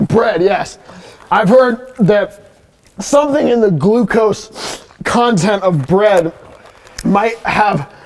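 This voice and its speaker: A man's voice: sits high, lively intonation, takes it slowly. A young man hosting a casual hot sauce challenge interview, coughing and gasping as he eats spicy food. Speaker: host.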